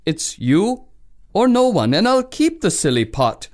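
A woman's voice: mid-range voice, big pitch swings, unhurried, darkish tone, pitched above the performer's own voice. A woman voicing a sly young prince disguised as a swineherd, polite yet cunning.

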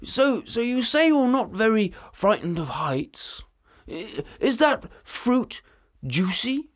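A woman voicing a timid, hesitant male sea dragon who stammers softly. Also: a little high, expressive, slow, pitched above the performer's own voice.

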